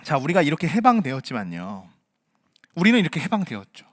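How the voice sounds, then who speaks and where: Male pastor, sermon; high, expressive pitch; plays out quoted lines, loud to hushed. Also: fast talker, dry recording, clean studio sound. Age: parent. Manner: acts out quoted voices, swings from loud to hushed.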